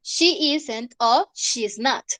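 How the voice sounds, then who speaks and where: A woman's voice: a little high, expressive, drawn-out words, fairly bright tone, no echo. A woman teacher, giving an online class lecture and explaining step by step while checking in with her students. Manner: explains patiently, checks in with "¿listo?". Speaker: English teacher.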